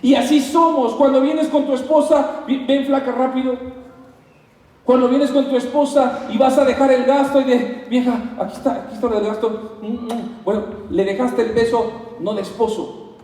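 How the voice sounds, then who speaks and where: A man with a Mexican Spanish accent preaching a sermon as pastor, animated and acting out little dialogues. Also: very high voice, normal speed. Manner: animated, acts out dialogues in put-on voices. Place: church hall. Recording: echoey hall, mic at a distance.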